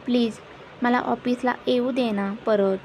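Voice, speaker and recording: A woman's voice: on the high side, fairly even intonation, unhurried, darkish tone, slight background noise, lightly acted. A woman reading the lines of a young woman who pleads and coaxes. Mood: coaxing.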